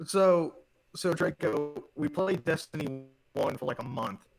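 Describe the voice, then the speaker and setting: A man on a live stream telling a rambling, animated story, full of fillers and laughter. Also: a little high, measured pace, creaky. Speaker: guest on a stream. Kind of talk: casual storytelling chat.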